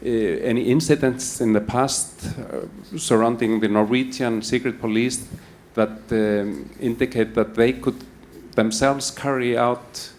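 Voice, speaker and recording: A man's voice: medium pitch, steady tone, a little slow, few pauses, darkish tone, a little hiss or hum. A man asking a long, hesitant question from the audience at a live event. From Iceland. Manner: rambling, hesitant, full of fillers.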